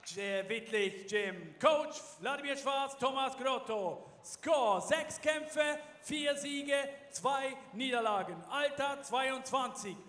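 High-pitched male arena announcer, echoing hall. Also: a bit bright. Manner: drawn-out, booming arena announcer delivery. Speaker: ring announcer. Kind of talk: formal fight introductions. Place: large indoor fight arena. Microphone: handheld microphone. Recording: echoey arena PA from far off.

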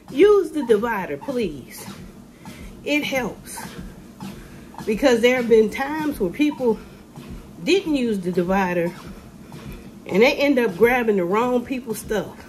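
A middle-aged woman ranting to a phone camera in a casual vlog, animated and sassy, with sudden high exclamations. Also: a little hiss or hum. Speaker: vlogger. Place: room with ceiling lights, indoors. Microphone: phone camera held below face.

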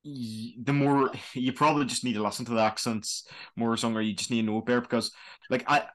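A young man with a Donegal Irish accent speaks casually as an interview guest. His mid-pitched voice wanders through hesitant, rambling answers over a video call. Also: steady tone, quick pace, a bit bright. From Donegal, Republic of Ireland. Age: young adult. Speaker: student guide, interview guest. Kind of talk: casual chat. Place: small plain room indoors. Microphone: webcam video call.

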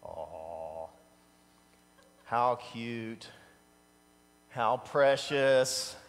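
A pastor in his fifties speaks very slowly in a mid-range voice, giving a relaxed, conversational sermon at the pulpit of a large church sanctuary stage. He tells personal stories with animation and chuckles at himself. He's at a standing pulpit mic with a far camera, and the hall adds long reverb.

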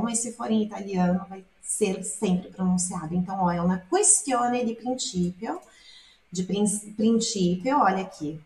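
A woman's voice: medium pitch, darkish tone. A woman with a Brazilian Portuguese accent teaching Italian song lyrics, explaining and repeating words to show how they are said. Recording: echoey room, voice from a distance.

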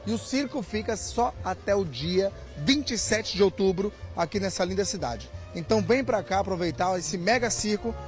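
A Brazilian man in his thirties giving a showman-like promotional pitch in a live TV interview. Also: animated, moderate pace. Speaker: circus spokesman. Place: large circus tent. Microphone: reporter's handheld microphone. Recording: music playing behind.

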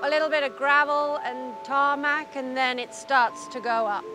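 Woman from the uk, matter-of-fact guide, high voice, music behind. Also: fairly even intonation, moderate pace. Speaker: local bike guide. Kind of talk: casual chat.

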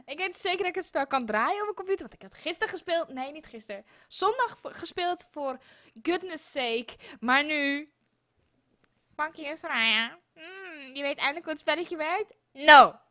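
A young woman live-streaming a game, exasperated and swearing, with loud outbursts and a sore throat. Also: high voice, animated, normal speed.

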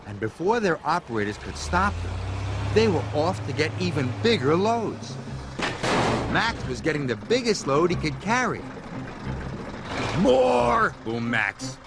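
A man reading a children's story as narrator, in a lively, expressive storytelling manner. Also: a little high, moderate pace. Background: music.

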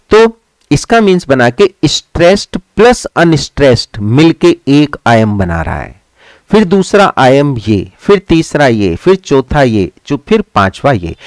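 Indian man teaching literature, lively pitch. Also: dry recording. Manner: asks the class questions and answers them himself; slows down to read English lines aloud, stressing each syllable. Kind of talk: exam-prep lesson in mixed Hindi and English.

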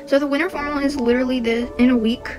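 A high-pitched young woman chatting in a laid-back home vlog, bubbly and full of little giggles. She keeps hiccuping as she talks, and music plays clearly underneath her. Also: steady tone, fast talker, poor audio. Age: young adult. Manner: chatty and bubbly, with frequent giggles and filler words. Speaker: vlogger. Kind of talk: casual chat.

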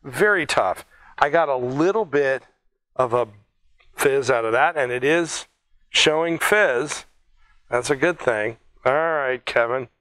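A man's voice: mid-range voice, takes it slowly, a bit bright, dry recording, rough recording. A man hosting an air museum video in a chatty, joking, rambling way, with restarts. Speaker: museum host. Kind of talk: casual one-take video talk.

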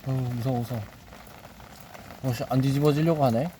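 A man's voice: medium pitch, fairly even intonation, normal speed, dark tone. A man vlogging outdoors, nervously muttering to himself and coaxing an animal along. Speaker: nature vlogger. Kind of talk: casual self-talk while handling an animal. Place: outdoors by a reservoir on a rainy day. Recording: outdoor recording with clear background noise.

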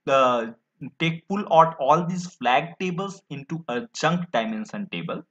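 Explaining step by step, with many fillers and restarts, a male instructor talks through a screen-recorded slide lecture in a voice on the high side and a bit bright. The recording sounds dull and lo-fi.

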